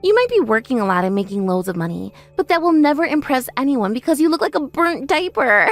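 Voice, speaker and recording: Haughty older sister, thirties, vain and spiteful, very high-pitched played by a woman, for a scripted story drama. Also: sing-song, fairly quick, faint music behind. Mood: boastful. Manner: haughty, taunting, self-praising. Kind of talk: scripted audio story dialogue.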